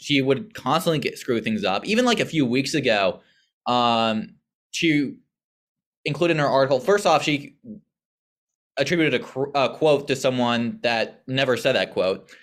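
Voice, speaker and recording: Young male podcast co-host, wry explainer, middle-pitched voice. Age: young adult. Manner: explanatory, wry, sarcastic asides. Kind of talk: casual podcast chat.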